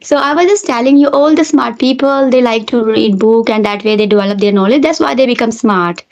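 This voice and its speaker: A woman from India, middle-aged, talks as an encouraging English teacher in easy conversation. Her voice has a gravelly, creaky texture, and the lo-fi call audio sounds muffled and dull. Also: on the high side, fairly quick, a little mellow. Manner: friendly, encouraging, with small slips and restarts. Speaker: English teacher and channel host. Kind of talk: casual conversation practice. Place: Australia.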